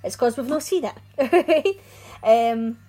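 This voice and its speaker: Chatty woman, slightly breathy. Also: a little high, expressive, slow, warm tone, rough recording. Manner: chatty, laughs often, loses her words. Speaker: podcast co-host. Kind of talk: casual chat about horror movies.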